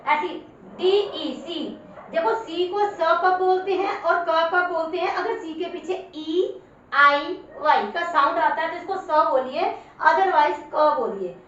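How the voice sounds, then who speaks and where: A woman with a high, bright voice teaches spelling, sounding out each word slowly and saying it again for the learner. She is caught from a distance in a very echoey room, and the recording sounds dull. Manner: spells words out letter by letter, drawing words out slowly. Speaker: English teacher. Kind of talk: spoken spelling lesson.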